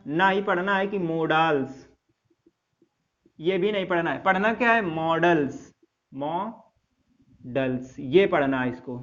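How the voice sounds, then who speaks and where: Slow, high-voiced male teacher, lo-fi sound. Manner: repeats words and quizzes the class with questions; recites a couplet slowly. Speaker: English teacher. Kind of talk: classroom lecture.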